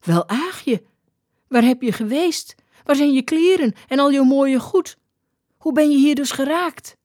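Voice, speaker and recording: A woman's voice: mid-range voice, sing-song, takes it slowly, dark tone, no room sound, clean studio sound. A woman voicing a puzzled middle-aged male skipper who asks blunt questions.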